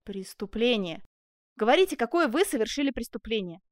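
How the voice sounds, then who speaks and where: A woman's voice: mid-range voice, fairly quick, no echo, studio quality, natural voice. A woman voicing a stern, impassive jailer in a storybook reading. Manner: flat, impassive.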